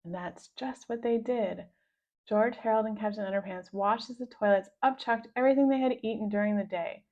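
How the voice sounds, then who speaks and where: With a mid-range voice, a woman reads a children's story aloud, giving the scripted narration plenty of expression. The recording itself sounds slightly dull.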